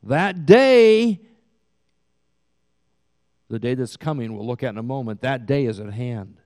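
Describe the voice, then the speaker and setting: A man in his sixties preaching a sermon as pastor, with slow, emphatic delivery that swells to loud peaks, recorded in a church sanctuary. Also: mid-range voice, expressive. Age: 60s. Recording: long hall reverb.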